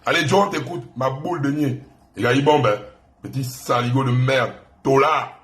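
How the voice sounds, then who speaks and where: A man's voice: medium pitch, moderate pace, a bit bright, echoey room. A man with a Gabonese French accent hosting an online live stream, taunting and insulting a rival in a mocking, repetitive rant.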